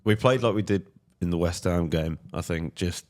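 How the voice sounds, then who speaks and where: Deep-voiced man with dry football jokes. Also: normal speed. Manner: dry, joking asides. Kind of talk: casual pub football chat.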